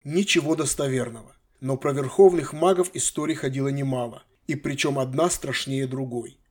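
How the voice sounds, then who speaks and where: Expressive male fantasy audiobook narrator. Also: medium pitch, moderate pace.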